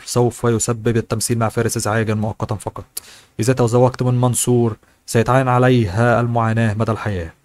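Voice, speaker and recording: Fast-reading man. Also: mid-range voice, a little mellow, no room sound. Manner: reads fast, sometimes stumbles and corrects himself. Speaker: audiobook narrator. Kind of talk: reading a translated novel aloud.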